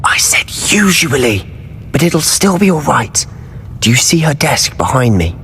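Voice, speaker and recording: In a video game, a man voices a confident, roguish young student who schemes but stays loyal and cheeky, speaking with a British accent and an assured, conspiratorial air. His heavily acted delivery is fairly high and bright, with big pitch swings at a measured pace. The recording carries long reverb and faint noise.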